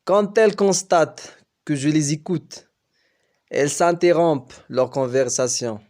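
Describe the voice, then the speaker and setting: Slow-reading man narrating a novel. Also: a little high, expressive, a little mellow. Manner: slow, careful storybook reading. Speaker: French teacher.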